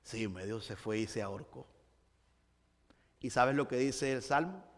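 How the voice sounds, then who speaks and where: A man preaching a sermon as pastor, moving between hushed storytelling and rising emphatic passages. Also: mid-range voice, unhurried, long reverb tail. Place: church sanctuary.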